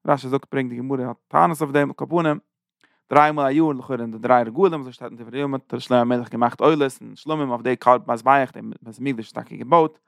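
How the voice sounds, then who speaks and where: Fast-talking gravelly male Torah teacher. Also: medium pitch, no echo, studio quality. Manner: rapid, animated explaining with Hebrew terms. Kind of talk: Yiddish-inflected Torah lesson.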